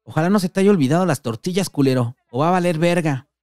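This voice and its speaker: A man's voice: a little high, slow pace, dark tone, clean tone, no room sound, clean studio sound, voice pushed up. A man with a Mexican accent voicing a crude, mocking young stoner in a read-aloud story. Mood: shouting.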